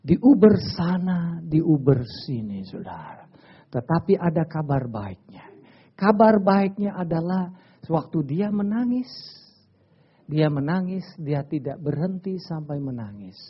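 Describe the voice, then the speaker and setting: A man preaches to his congregation, mixing stories and banter. His delivery swings from hushed asides to loud, emphatic bursts. The recording is a little dull and lo-fi. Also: fairly high pitch, very animated, measured pace, husky. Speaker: pastor. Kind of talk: lively sermon with stories and audience banter. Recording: slightly dull lo-fi church recording.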